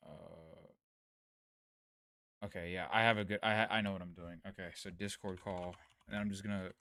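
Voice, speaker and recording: A man's voice: low voice, fairly even intonation, moderate pace, gravelly, sharp tone. Casual, self-deprecating male streamer. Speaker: livestream host covering news. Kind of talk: casual late-night livestream chat.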